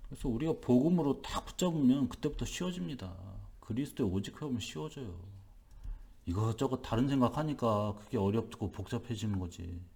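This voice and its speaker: A man's voice: medium pitch, expressive, fairly quick, warm tone. A male pastor giving an early-morning sermon, emphatic and repetitive, asking rhetorical questions. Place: church.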